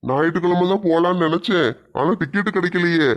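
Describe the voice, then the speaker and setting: A man's voice: high voice, a little fast, pitched below the performer's own voice, natural voice. A man voicing an easygoing young male worker, sounding set back from the mic and a little sheepish.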